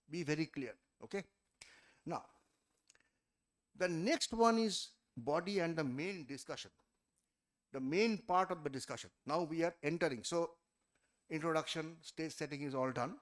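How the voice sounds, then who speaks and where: A man with a high-pitched voice lectures a class on group discussion skills. He is emphatic, counts off his points one by one and keeps checking in with "okay?". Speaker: trainer. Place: college event hall or classroom.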